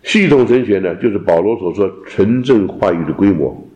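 A man teaching a theology class, lecturing in an animated way and dropping in English terms. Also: sits low, normal speed, highs cut off. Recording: roomy echo.

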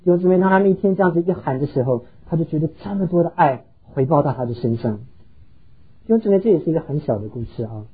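A man's voice: on the high side, fast, hardly any pauses, slightly rough, phone-quality sound. A pastor preaching a sermon, earnestly telling stories and slipping English words into his talk. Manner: earnest, heartfelt storytelling.

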